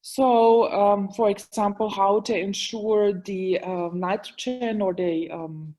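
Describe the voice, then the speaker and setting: A woman with a mid-range, dark voice speaks English slowly and with fairly even intonation. She's a wine expert appearing as a guest in a casual interview. She hesitates a lot, filling gaps with ums while she searches for words.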